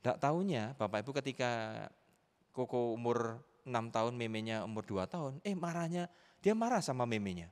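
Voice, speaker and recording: A middle-aged man, a pastor preaching and telling a personal story in a lively way, acting out his family members' voices. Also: medium pitch, normal speed. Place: church sanctuary. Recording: reverberant church hall.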